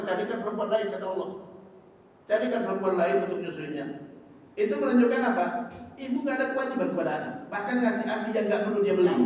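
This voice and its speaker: High-voiced man lecturing in an echoing hall. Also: darkish tone, a little hiss or hum. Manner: conversational, acts out husband and wife in quick asides. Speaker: Islamic teacher. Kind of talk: religious study lecture. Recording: echoey hall from far off.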